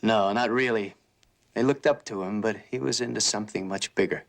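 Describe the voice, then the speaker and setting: Gravelly, matter-of-fact military major. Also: male voice, on the low side, a little fast. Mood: measured, certain. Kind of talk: television crime drama acting.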